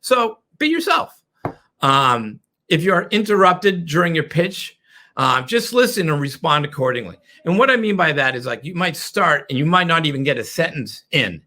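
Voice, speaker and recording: A middle-aged man teaching a sales webinar, animated and playful, slipping into quick mock caller voices as he explains. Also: a little high. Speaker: sales trainer.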